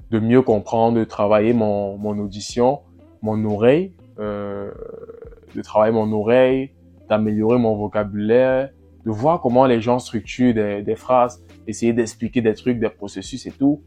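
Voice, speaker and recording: A man talking casually in a vlog, relaxed and repetitive, often restarting phrases and pausing on fillers. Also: fairly low pitch. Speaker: vlogger. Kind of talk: casual first-person vlog.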